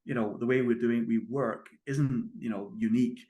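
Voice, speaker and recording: A Scottish man, founder and CEO of a tech company, answers interview questions as a guest in a conversational, emphatic way, leaning on key phrases. His medium-pitched voice is warm, with fairly even intonation and a moderate pace.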